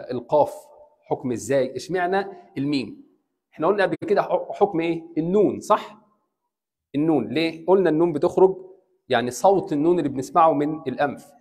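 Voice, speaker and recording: A man's voice: on the high side, a little mellow. A man with an Egyptian accent, an imam giving a classroom lecture on recitation, explaining step by step, checking in with his students and switching between Arabic and English. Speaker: imam teaching Quran recitation.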